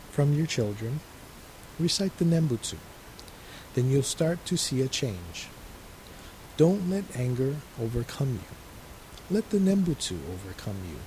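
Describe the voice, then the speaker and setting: A male resident minister giving a calm, measured radio sermon and reading a letter. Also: on the high side, slight background noise, low-quality recording.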